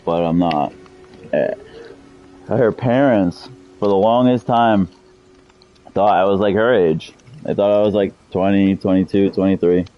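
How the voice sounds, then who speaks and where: A man in his thirties chats loosely with viewers while he plays, swearing often. His voice sits very low. The stream audio is a bit dull and lo-fi. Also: measured pace, pauses often. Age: 30s. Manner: profane, loose, chatty with viewers. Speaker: game streamer. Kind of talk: casual live-stream chat.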